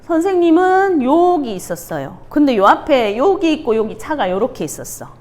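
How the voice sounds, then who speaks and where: A woman's voice: sits high, very animated, normal speed, darkish tone. A woman, a Sunday school teacher giving a children's sermon and telling stories animatedly while quizzing the kids. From Gyeongsang region of South Korea.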